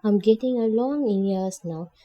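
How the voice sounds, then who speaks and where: A woman's voice: medium pitch, normal speed, warm tone, husky, lo-fi sound, lightly acted. A woman voicing a frail, bedridden old woman who speaks in a quavering, plaintive, folksy way.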